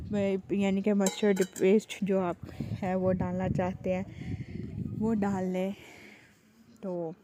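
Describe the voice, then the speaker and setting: A woman narrating her cooking vlog in a chatty, homely way. She talks slowly and carefully. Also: mid-range voice, dull audio. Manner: chatty, homely, deliberately slow and careful delivery. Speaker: cooking vlogger and mother. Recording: loud background noise throughout.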